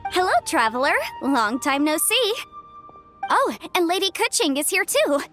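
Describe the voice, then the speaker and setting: A woman's voice: very high-pitched, very animated, a little slow, a bit bright, heavily acted. A woman voicing a clever young legal adviser in a game, breezy and playful as she justifies herself. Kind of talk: game voice acting. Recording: studio voice with faint background music.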